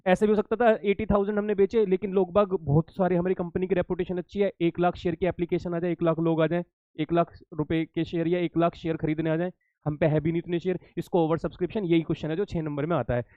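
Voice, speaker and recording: A man's voice: high voice, little pitch movement, fast talker, no room sound, phone-quality sound. A male accountancy teacher giving an exam-prep lesson to students, repeating key points, checking that they follow and calling them kids.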